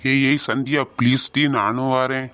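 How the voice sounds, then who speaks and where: A man's voice: mid-range voice, fairly even intonation, normal speed, a bit bright, no echo, close to an everyday voice. A man playing a clingy young boyfriend who keeps begging to tag along. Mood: pleading. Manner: pleading.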